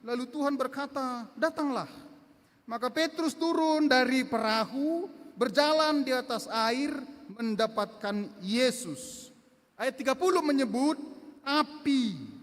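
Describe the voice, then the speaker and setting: A male pastor with a very high voice delivers an emphatic sermon, hammering key words through repetition and voicing the lines of the people he quotes. His words ring out with a long church reverb. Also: expressive, measured pace. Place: church sanctuary.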